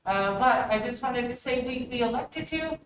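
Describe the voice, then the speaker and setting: A woman speaking up in a loud, projected teacher voice as she gives public comment at a meeting. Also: on the high side, lively intonation, normal speed. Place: indoor public meeting room. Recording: very echoey room, distant mic, faint noise.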